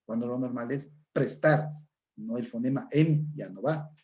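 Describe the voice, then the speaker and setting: A man's voice: mid-range voice, unhurried, a little mellow, lo-fi sound. A male teacher giving an online class lecture, explaining with examples and checking in with "¿no es cierto?".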